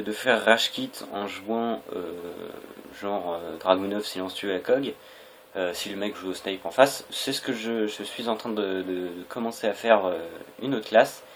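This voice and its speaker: A young adult Frenchman gives casual, hesitant and rambling gameplay commentary on a noisy home recording. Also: lowish voice. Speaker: gaming video creator.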